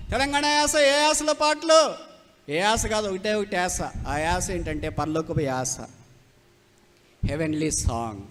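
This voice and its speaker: A man's voice: sits high, a bit bright. A male preacher from Rayalaseema giving an emphatic sermon, repeating key phrases and mixing in English terms. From Rayalaseema, India. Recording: long hall reverb.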